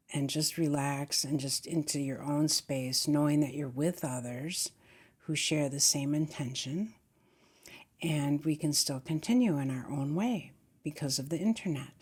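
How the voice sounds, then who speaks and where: A woman guiding a meditation, speaking gently and slowly, with a soft, breathy voice that often drops to a near whisper. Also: low voice. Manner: gentle, unhurried, repeats "just". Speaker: meditation teacher. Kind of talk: guided meditation.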